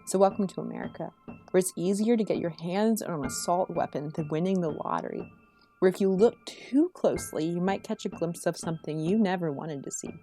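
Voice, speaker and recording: A woman performing spoken word slam poetry in an earnest, rhythmic, rhyming delivery with measured phrases. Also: on the low side, dark tone, faint music behind.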